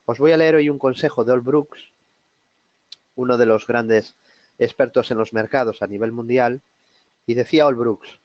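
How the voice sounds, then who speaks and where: A man from Spain with a sore throat presents a trading seminar in a halting, conversational way. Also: medium pitch, dry recording, highs cut off. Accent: Spain Spanish. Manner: hesitant, many fillers and restarts, conversational. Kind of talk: live market analysis webinar.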